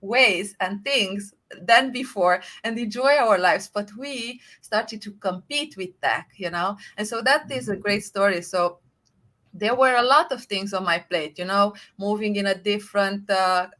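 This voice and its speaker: Bright-voiced Romanian woman, chatty guest. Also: mid-range voice, unhurried. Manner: enthusiastic, rambling with frequent fillers. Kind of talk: conversational interview.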